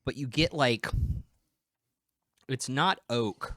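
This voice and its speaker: A man's voice: mid-range voice, slow, pushed and bright, dry recording. A man in his thirties hosting a casual whiskey tasting, chatty and enthusiastic as he describes the flavors. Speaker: whiskey review host.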